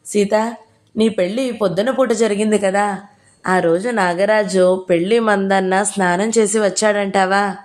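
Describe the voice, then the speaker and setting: A woman voicing an older woman writer who teases and scolds in a sharp, playful way. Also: mid-range voice, steady tone, measured pace, natural voice. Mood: teasing. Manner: teasing, scolding.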